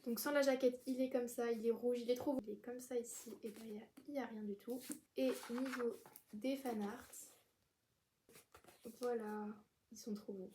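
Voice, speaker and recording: A woman's voice: on the high side, steady tone, normal speed, background noise. Chatty young woman rambling about books. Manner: chatty, rambling, many fillers and restarts. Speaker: book vlogger. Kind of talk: casual book haul chat.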